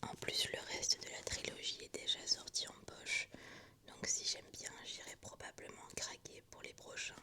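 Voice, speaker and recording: A woman presenting books in a soft, hushed ASMR whisper, like someone whispering in a library. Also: normal speed. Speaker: book vlogger presenting a reading list.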